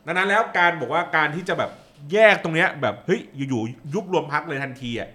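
Bright-voiced man musing in an echoey room. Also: a little high, lively intonation, fast talker. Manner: hesitant, thinking aloud with many fillers. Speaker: political commentator guest. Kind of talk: casual political chat.

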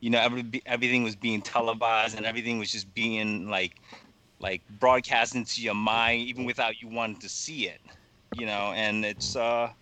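A young man talking as a podcast guest in a halting, rambling way, full of fillers and swearing. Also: fairly low pitch, fairly even intonation, sharp tone, a little hiss or hum. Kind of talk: casual podcast conversation.

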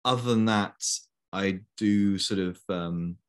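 Young male guest, low voice, rambling easy chat, video call. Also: takes it slowly, clean tone. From Belgium. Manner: chatty, many fillers. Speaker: interview guest. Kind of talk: casual conversation.

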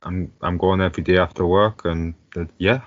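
A man with a smooth, monotone voice, co-hosting a casual podcast chat over an online call, laid-back and often chuckling. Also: sits low, fairly quick, highs cut off. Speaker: podcast co-host. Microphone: online call mic.

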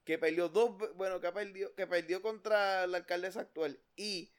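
A man's voice: sits high, fairly even intonation, normal speed, clean tone. A man with a Puerto Rican accent co-hosting a casual political chat, blunt and swearing freely as he cuts in. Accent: Puerto Rican Spanish. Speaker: podcast co-host.

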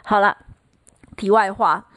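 A middle-aged woman hosting a casual solo podcast, telling stories in a chatty, animated way. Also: mid-range voice, slow, no echo. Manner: chatty, animated storyteller who mimics others. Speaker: podcast host.

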